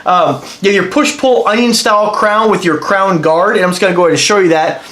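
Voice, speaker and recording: Congested with a cold, a high-voiced man reviews a watch casually, rambling eagerly as he explains the item in his hands. He talks briskly with a fairly bright tone, and his voice echoes noticeably around the room.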